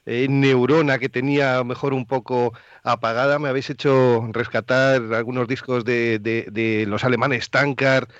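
A man hosting a radio interview, stopping often to fill pauses as he builds his questions. His voice sounds dry and slightly muffled, in a plain middle pitch. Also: little pitch movement, a bit bright, no room sound. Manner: hesitant, many fillers. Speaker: radio host.

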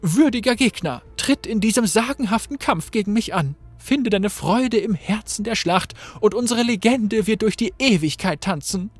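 A man's voice: sits high, animated, moderate pace, hardly any pauses, no room sound, soft background music, pitched above the performer's own voice. A man reading the lines of an exuberant ancient warrior woman in a game story, declaiming grandly. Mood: boisterous.

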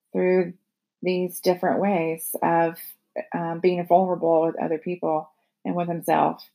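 A middle-aged woman with a slightly low voice introduces a podcast guest. She talks conversationally and haltingly, working out her wording as she goes. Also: darkish tone. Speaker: podcast host. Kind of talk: casual spoken introduction of a guest.

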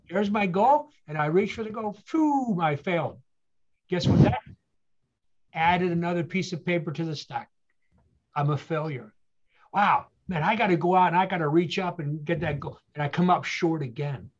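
A man's voice: on the high side, normal speed, highs cut off. A man telling his story with earnest motivational emphasis. He asks rhetorical questions and repeats key phrases. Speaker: guest speaker.

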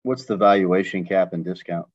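Slightly dull, dry audio of a man with a lowish voice. He is direct and inquisitive, putting probing business questions to someone in conversation. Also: moderate pace, dry recording. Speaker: questioner assessing an investment.

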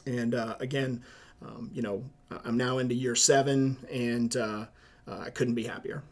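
Speaking in an even, level tone, a middle-aged man with a Charleston Southern accent takes podcast interview questions in his role as a high school principal. He's measured and frequently hesitates with ums and uhs.

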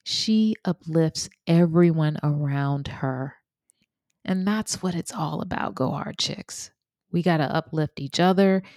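A woman hosts a podcast in a deep, darkish voice, eager and encouraging toward her guest and repeating words as she goes.

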